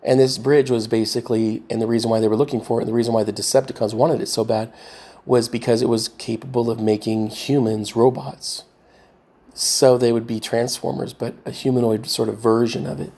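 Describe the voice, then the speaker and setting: Guy with a gravelly voice rambling on, lots of ums, keeps stopping and restarting. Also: medium pitch, little pitch movement, mellow. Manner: halting, many fillers and restarts, trying to recall. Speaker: vlogger retelling a movie rewrite. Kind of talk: rambling casual monologue.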